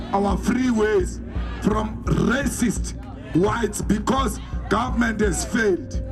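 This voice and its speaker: A man delivers a fiery, declamatory political rally speech, shouting in emphatic phrases. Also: high-pitched. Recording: archive rally footage with crowd and music.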